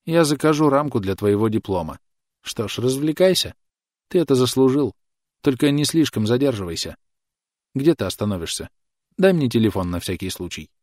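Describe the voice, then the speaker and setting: A man's voice: medium pitch, lively intonation, normal speed, darkish tone, no echo, studio quality, pitched above the performer's own voice, natural voice. A man voicing a bitter, self-pitying mother who nags her grown son in a plaintive, reproachful way.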